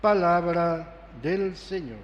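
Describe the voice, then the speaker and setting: A man's voice: high voice, takes it slowly, dull audio. A man, a priest, solemnly reading scripture at Mass, his voice carrying a cathedral-like echo in a large church. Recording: long reverberant church echo.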